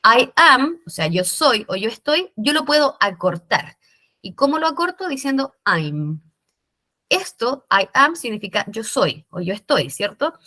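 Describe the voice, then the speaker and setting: A woman's voice: a little high, very animated, a little slow, pushed and bright. A woman teaching English grammar in a recorded lesson, explaining step by step with patient checks.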